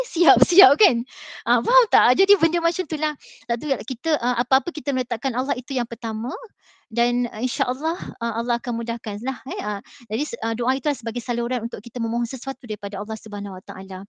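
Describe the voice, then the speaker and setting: A woman's voice: on the high side, rapid-fire, no echo. A middle-aged Malaysian woman, a maths teacher, telling an earnest personal story in a Malay accent with many fillers. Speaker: mathematics teacher on a school panel. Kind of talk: motivational talk with personal story.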